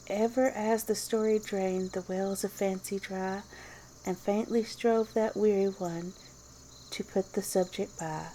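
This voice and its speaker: A woman narrates a storybook in a whispered ASMR style. Her tone is soft and dark at a middling pitch, with faint ambient noise behind her. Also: steady tone, measured pace, low-quality recording. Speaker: storybook reader.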